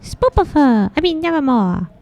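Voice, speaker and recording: Woman playing a creaky, high-pitched, timid little raven. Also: very animated, moderate pace, a little mellow. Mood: silly, meek. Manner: meek, awkward, hesitant comic asides. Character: apologetic, silly, timid talking raven. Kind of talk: comic interjections in a poetry reading.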